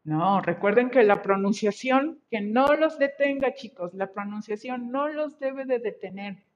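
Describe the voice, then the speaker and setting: A woman teaching an online language class, switching between two languages, repeating her students' sentences slowly and encouraging them. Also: fairly high pitch, lively intonation, highs cut off. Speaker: English teacher. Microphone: video call.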